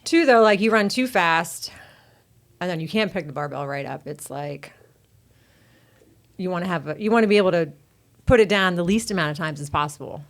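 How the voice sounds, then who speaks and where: Casting: lower female voice, friendly gym co-host, easy laughing chat. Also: expressive, brisk, long pauses. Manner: chatty, laughs easily. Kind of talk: casual podcast chat.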